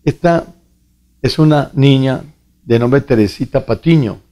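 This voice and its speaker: A man, a priest, preaching and telling a testimony slowly and earnestly to the viewer. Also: medium pitch, mellow. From Colombia. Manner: slow, earnest storytelling, addressing the viewer directly.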